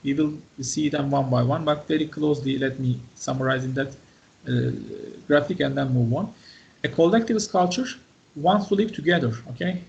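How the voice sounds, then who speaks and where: Male university lecturer, slightly high and gravelly, talks in short phrases and keeps checking in with the class. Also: normal speed, a little mellow, lo-fi sound. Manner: talks in short fragments, often asks "right?" and "okay?".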